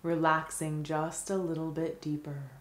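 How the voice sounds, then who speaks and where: In this guided meditation, a woman with a deep voice speaks softly and steadily, leaving long silences between calming phrases. Noticeable reverb gives the audio a spacious, roomy feel.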